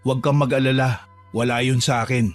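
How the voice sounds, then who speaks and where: A man voicing a calm, protective gardener who reassures a trapped girl in a horror drama. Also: brisk, no room sound, close to an everyday voice. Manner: calm, reassuring, low-key. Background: faint music.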